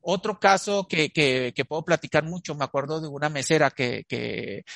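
Man with a slightly high voice. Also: moderate pace, vocal fry, fairly bright tone, dry recording. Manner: storytelling with frequent fillers and restarts. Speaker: channeling therapist. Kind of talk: recounting cases to an interviewer.

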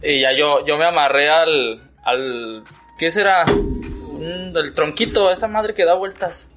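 A man's voice: on the high side, slow pace, fairly bright tone, faint music behind. A man with a Mexican Spanish accent, co-hosting a casual chat and telling a story animatedly, swearing and laughing along the way. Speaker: podcast co-host. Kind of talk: casual chat among friends.

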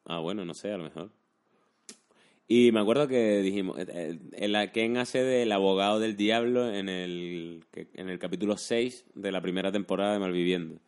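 A man's voice: low voice, normal speed, a little mellow, clean tone. A man talking casually and colloquially, often adding tag questions. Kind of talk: casual chat, anecdotes.

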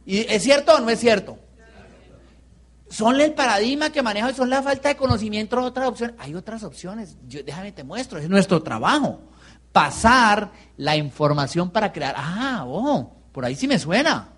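Colombian guy running a business seminar, pretty high voice, jokey, keeps asking the crowd stuff. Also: lively intonation, moderate pace, fairly bright tone. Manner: playful, asks the audience rhetorical questions. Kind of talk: live motivational seminar talk.

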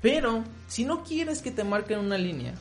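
A man's voice: very high-pitched, moderate pace, soft background music. A man with a Mexican Spanish accent hosting a podcast, giving casual relationship advice and acting out both sides of little arguments. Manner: animated, acts out both sides of quoted arguments.

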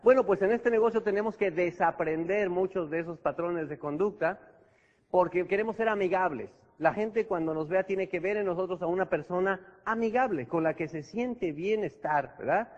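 Man, high voice, chatty seminar trainer who acts out examples; lo-fi hall recording. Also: moderate pace. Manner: conversational, constant tag questions, acts out examples. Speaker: network marketing trainer. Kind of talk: motivational seminar talk. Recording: echoey hall, dull lo-fi sound.

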